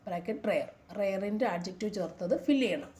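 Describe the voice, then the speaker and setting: A woman, working through exam answers as a tutor. She reads each question slowly and clearly, then explains it in quick bursts. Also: mid-range voice, lively intonation, mellow, a little hiss or hum.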